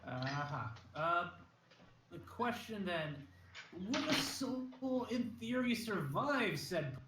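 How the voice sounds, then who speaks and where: Excitable, rambling tabletop player. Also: male voice, high voice, slow pace, background noise. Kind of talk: casual tabletop game chat. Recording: echoey room, far from mic.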